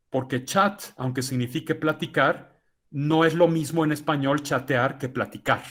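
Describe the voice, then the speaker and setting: Measured man giving a lecture. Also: mid-range voice, fairly bright tone. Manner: measured and explanatory, with frequent "¿no?" tags. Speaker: guest lecturer speaking to teachers. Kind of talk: lecture answering a question.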